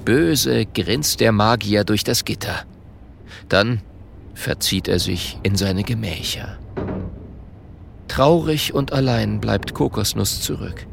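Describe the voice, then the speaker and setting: A narrator reading a children's story aloud in an expressive storytelling manner. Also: mid-range voice, takes it slowly, creaky, background noise. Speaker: audiobook narrator.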